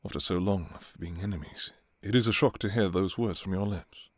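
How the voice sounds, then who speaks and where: A man playing a courtly, restrained vampire king in an intimate ASMR role-play, speaking formally and softly with some hesitation. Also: low voice, fairly quick, no echo, close to an everyday voice. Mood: earnest, admiring. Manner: formal, archaic, hesitant, soft-spoken. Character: courtly adult male vampire king, restrained, yearning for his enemy.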